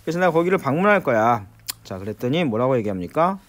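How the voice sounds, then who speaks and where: A man with a Korean accent teaching English in a recorded lecture, explaining step by step and slowing down to repeat each English phrase. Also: medium pitch, very animated.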